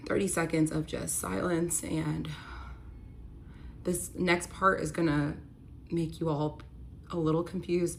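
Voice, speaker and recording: Low-voiced woman telling a candid story. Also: vocal fry, a little hiss or hum. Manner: earnest, emotional, heavy use of "like". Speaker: vlogger telling a personal story.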